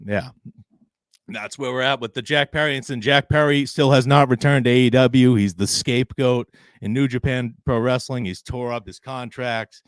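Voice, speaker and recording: A man's voice: mid-range voice, fairly even intonation, moderate pace, clean tone, no room sound, studio quality. A man co-hosting a casual wrestling podcast, retelling a story and laughing often. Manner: recounts stories, laughing often. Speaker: podcast co-host.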